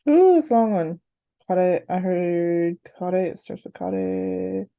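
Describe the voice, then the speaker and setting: A woman's voice: fairly low pitch, expressive, takes it slowly, vocal fry, dry recording, dull audio. A woman who is a native English speaker, casually studying a language aloud, talking to herself and repeating syllables as she sounds them out. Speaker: language learner hosting a practice session.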